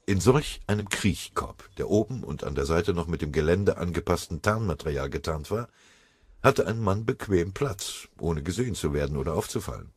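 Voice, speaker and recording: Guy narrating a history audiobook, measured and dramatic, dry close recording. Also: sits low, lively intonation, breathy edge, dry recording. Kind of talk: scripted narration.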